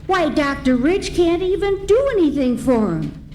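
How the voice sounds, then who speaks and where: A chipper little orphan girl, old radio serial style, really high and swoopy, bit of noise. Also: expressive, a little slow, dark tone. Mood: earnest, cheerful. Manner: folksy, earnest, chipper exclamations. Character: spirited, eager, wholesome young orphan girl. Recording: faint background noise, live event.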